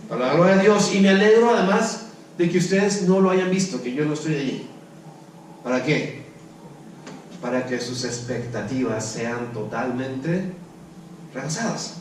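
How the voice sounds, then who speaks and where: A man's voice: fairly high pitch, slight background noise. A man preaching a sermon as a church elder, talking conversationally and asking and answering his own rhetorical questions. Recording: echoey church hall, mic at a distance.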